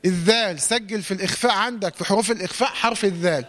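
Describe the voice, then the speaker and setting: High-voiced Egyptian man teaching recitation. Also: fairly bright tone. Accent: Egyptian Arabic. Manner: quizzes, corrects, then recites verses slowly and drawn-out. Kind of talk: tajweed lesson, call-and-response drilling.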